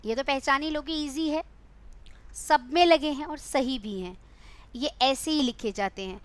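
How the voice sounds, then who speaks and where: A woman's voice: high-pitched, a little slow, dry recording. A young adult woman teaching Hindi in an online exam-prep class, quizzing her students, coaxing them and calling them beta.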